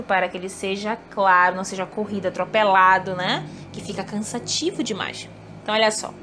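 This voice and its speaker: A woman teaching a recorded online lesson, her voice sitting a little high for a woman. She explains step by step and addresses her pupils fondly. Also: a bit bright, slight background noise.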